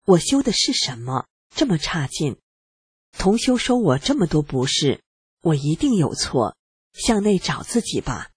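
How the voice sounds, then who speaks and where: An adult reading a personal testimony aloud in a steady first-person way, earnest and reflective. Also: medium pitch, measured pace, breathy edge, no echo.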